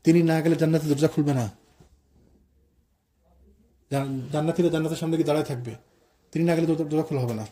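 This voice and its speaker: A man's voice: a little high, fairly even intonation, fast, pauses often, warm tone, husky. A man preaching a conversational sermon in a mosque, mixing quoted prayers with casual asides. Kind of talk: sermon on the life of the Prophet.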